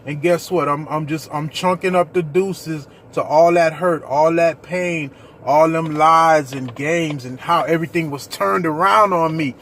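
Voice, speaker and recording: A man's voice: on the high side, measured pace, fairly bright tone, slight background noise. A man leading a ministry, talking earnestly and preacherly straight to his viewers about his own experience. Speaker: ministry leader. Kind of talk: personal testimony vlog.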